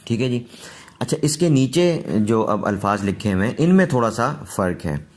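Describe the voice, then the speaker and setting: A man teaching English pronunciation, explaining rules patiently and repeating each word slowly. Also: medium pitch, big pitch swings, darkish tone. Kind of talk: slow pronunciation lesson.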